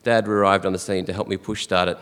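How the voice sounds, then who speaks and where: An Australian man giving a fond, earnest funeral eulogy for his father, with soft chuckles between memories. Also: low-pitched, level tone, fast, smooth. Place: church or funeral hall. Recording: long hall reverb.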